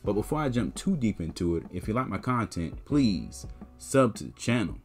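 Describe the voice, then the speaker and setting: A man's voice: on the low side, big pitch swings, moderate pace, darkish tone, faint music behind. A man vlogging casually about sneakers, laid-back and chatty, often saying "man" and "you know". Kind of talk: casual talk to camera.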